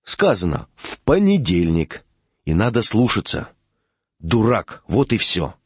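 A man doing a gruff scolding country doctor. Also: on the low side, huge pitch swings, a little slow, no echo, full character voice. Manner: mocking, scolding. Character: gruff rural male doctor, impatient and scolding.

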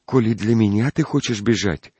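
A man reading a storybook aloud, voicing a gentle, frightened young peasant girl with a soft, tearful voice. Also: fairly low pitch, normal speed, breathy edge, no echo, pitched above the performer's own voice. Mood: anxious pleading.

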